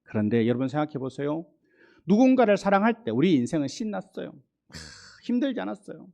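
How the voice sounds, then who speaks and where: Lively Gyeongsang pastor preaching. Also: male voice, fairly high pitch, fast talker, vocal fry. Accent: Gyeongsang Korean. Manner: conversational preaching, acts out God's reassuring voice. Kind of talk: sermon. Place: church sanctuary.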